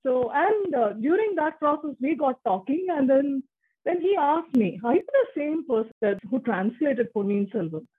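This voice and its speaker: Over a muffled line that sounds like a phone, a woman in her forties, native in Tamil, talks as a casual, chatty interview guest with frequent restarts. Her voice sits high and is very animated, at a moderate pace.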